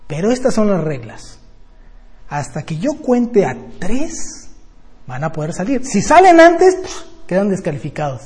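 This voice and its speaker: An older man with a high voice and a husky edge leads a Bible study sermon. He tells stories in a lively way and keeps checking in with his listeners through tag questions. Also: measured pace, big-room sound. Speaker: Bible teacher.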